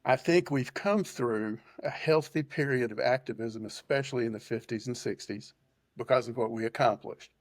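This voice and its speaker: A man with an Appalachian drawl speaking as a panel guest in a reflective, deliberate conversational monologue. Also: medium pitch, no echo.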